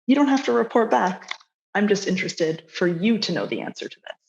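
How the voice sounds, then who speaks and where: A woman's voice: mid-range voice, expressive, brisk, creaky, darkish tone. Friendly woman running a live workshop, encouraging and casual, recorded with somewhat muffled sound. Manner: friendly, encouraging, conversational with fillers. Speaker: workshop presenter. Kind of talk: live online workshop talk. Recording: slightly dull lo-fi audio.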